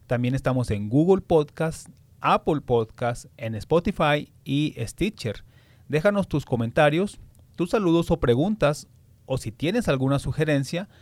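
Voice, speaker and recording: A man's voice: on the high side, darkish tone, dry recording. A man hosting a children's religious radio program, addressing young listeners directly. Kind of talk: children's radio show presenting.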